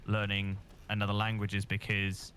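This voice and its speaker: A man's voice: on the low side, completely flat delivery, moderate pace, fairly bright tone, a little hiss or hum. A man with a Bristol accent chatting casually on a stream, rambling with lots of fillers and repeated words. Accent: Bristol English. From England. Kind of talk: casual chat.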